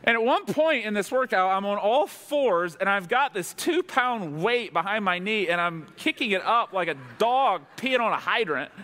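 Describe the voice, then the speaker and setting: High, bright-voiced storytelling pastor. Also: male voice, moderate pace, few pauses. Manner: animated, self-deprecating storyteller. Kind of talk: humorous sermon storytelling.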